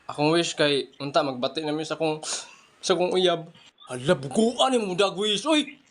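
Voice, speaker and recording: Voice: mid-range voice, lively intonation, normal speed. Skit maker flipping between voices. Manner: switches between put-on voices. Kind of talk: one-person comedy skit, playing several parts.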